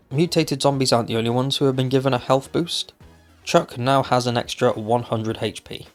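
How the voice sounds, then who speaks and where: Guy doing top ten countdown style gaming tips voiceover, explainer with casual asides, music behind him. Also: mid-range voice. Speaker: gaming video host.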